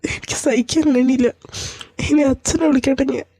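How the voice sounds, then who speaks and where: A woman's voice: high voice, steady tone, normal speed. A woman voicing a hurt teenage son in an amateur fan drama, pleading and tearful.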